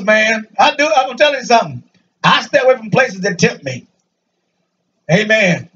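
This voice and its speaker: A man preaching a lively sermon to a congregation in a church, joking and calling out for answers. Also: extremely high pitch. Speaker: pastor. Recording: dull, distant church recording.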